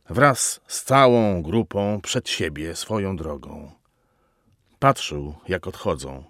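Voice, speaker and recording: A man reading a novel aloud as narrator, telling it in a slow, expressive way with dramatic pauses. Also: on the low side, no echo, clean studio sound. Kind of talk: audiobook narration.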